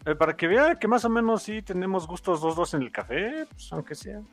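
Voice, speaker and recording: A man's voice: high-pitched, very animated, brisk, faint music behind. A man co-hosting a comics podcast, joking and laughing easily in casual chat. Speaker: podcast co-host.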